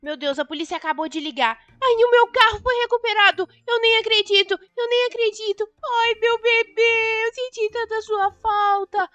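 A woman's voice: moderate pace, no room sound, dull audio. [name], woman playing a dramatic robbed girl. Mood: relieved. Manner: exclaiming, high and bright. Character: young woman robbed by a fortune-hunter, dramatic and outspoken.

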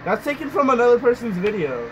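A man's voice: extremely high pitch, very animated, fast talker, lo-fi sound, background noise. A young man in casual, teasing reaction chat, with some swearing. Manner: foul-mouthed, teasing. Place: small dim bedroom.

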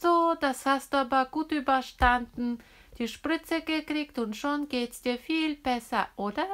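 A woman plays a soothing female emergency doctor in a toy-figure children's story. The doctor talks slowly and reassuringly. The voice sits fairly high for a woman. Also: a bit bright.

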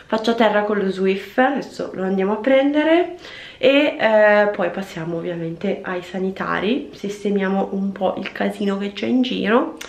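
A young woman talks viewers through her cleaning in an easy, chatty way, her voice sitting at a medium pitch. The sound bounces off the hard tiles of a small bathroom, heard through a camera set on the counter. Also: normal speed, creaky. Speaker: vlogger. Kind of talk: casual cleaning vlog chat. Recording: echoey tiled room.

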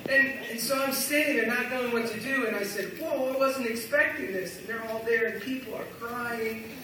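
A man giving a live sermon, telling a story in a rambling, animated way with many fillers and restarts. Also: extremely high pitch, fairly quick, background noise. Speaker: guest speaker. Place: large church hall. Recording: echoey hall from far off.

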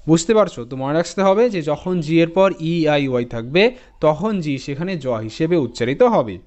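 A man teaching English phonics, spelling each word letter by letter and repeating it slowly, and checking in with his students. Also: fairly high pitch, animated, a little mellow. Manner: addresses students directly with "ঠিক আছে?". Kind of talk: phonics lesson.

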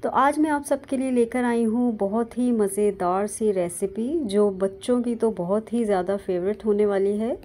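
Mellow-voiced woman explaining a recipe. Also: mid-range voice, moderate pace, few pauses. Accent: Pakistani Urdu. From Pakistan. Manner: calm step-by-step instructing. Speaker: cooking channel host. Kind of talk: recipe voice-over narration.

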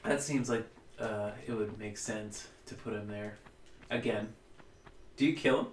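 A relaxed co-host of middling pitch chats through someone else's gameplay, adding teasing back-seat remarks. The voice sits away from the mic in a roomy home space, with a faint hiss behind it. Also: unhurried, distant mic. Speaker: let's play co-host. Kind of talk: casual gameplay commentary. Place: home room with a cat.

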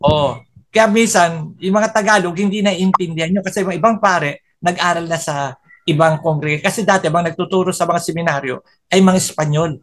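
A man's voice: sits high, brisk, a bit bright, a little hiss or hum. An older man, a Spanish professor, explaining words patiently in a casual chat. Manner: explains patiently and repeats points.

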